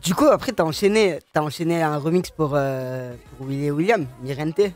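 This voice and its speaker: A young male radio host in his twenties asks his questions in a casual, relaxed way at a studio microphone. His voice sits fairly high for a man. Soft music runs faintly underneath. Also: a little fast. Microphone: studio mic with headphones.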